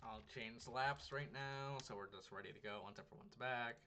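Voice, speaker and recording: A young man co-commentating an online sim race in a relaxed, chatty way, explaining incidents. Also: medium pitch, moderate pace, slight background noise. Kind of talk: casual sim racing commentary.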